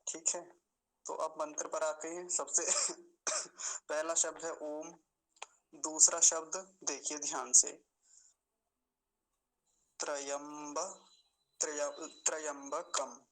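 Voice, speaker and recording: A man teaching the pronunciation of a chant. He slows down to spell out each syllable, repeats words to correct them, and coughs now and then. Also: a little high, little pitch movement, vocal fry, fairly bright tone, low-quality recording. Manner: slow, drawn-out syllable-by-syllable demonstration of words. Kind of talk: explanatory lesson.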